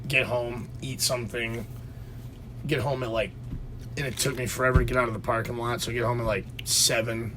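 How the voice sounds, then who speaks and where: Speaking a little fast in a flat, mid-range voice, this man co-hosts a podcast from his basement at home. Background noise is audible as he chats casually, telling a rambling story that keeps restarting, with lots of fillers.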